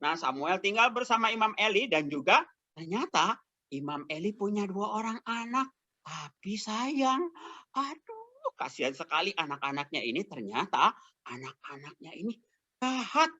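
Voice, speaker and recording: A lively man, telling a Bible story to small children. His voice swoops up and down as he exclaims and quizzes them. The recording is dry and close. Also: high voice, moderate pace, no echo, dull audio. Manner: animated, exclamatory, asks children questions. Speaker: evangelist teaching kindergarten children.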